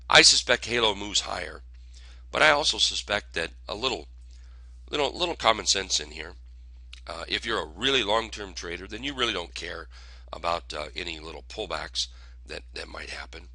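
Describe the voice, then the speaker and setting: A hoarse man hosting a casual stock-trading commentary, talking haltingly with many fillers. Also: sits low, pushed and bright, no room sound. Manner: halting, filler-heavy delivery. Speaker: host.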